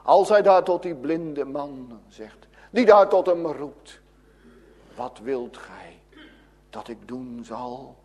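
A man preaching a sermon in a fervent way, moving between loud pleading and hushed, low passages. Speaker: pastor.

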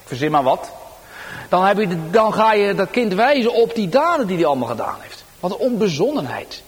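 Male preacher, high voice, slow emphatic sermon delivery, reverberant church hall. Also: sing-song. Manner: preaching with swings from loud high exclamation to low hushed address. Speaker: pastor.

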